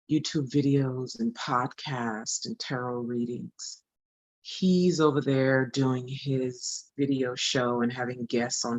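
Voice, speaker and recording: A woman's voice: a bass voice, a little mellow, no echo. A woman in her forties giving an earnest motivational talk as a spiritual coach, often repeating phrases for emphasis. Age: 40s.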